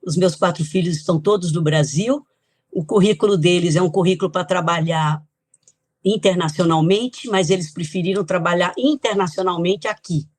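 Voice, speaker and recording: A woman's voice: lowish voice, moderate pace, darkish tone, no echo. An older woman from Italy, a guest author on a podcast interview, telling her life story in a chatty, reminiscing way with light laughs.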